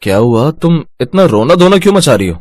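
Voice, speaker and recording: Impatient young husband, brisk and dismissive, dry close sound, voiced by a man. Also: a little high, very animated, darkish tone, no echo.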